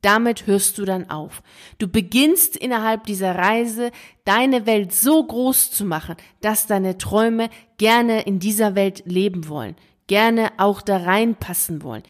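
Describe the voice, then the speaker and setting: A woman's voice: medium pitch, a little slow. A woman coaching teachers in an earnest motivational monologue, speaking straight to the listener. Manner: earnest, addresses the listener directly with repeated phrases.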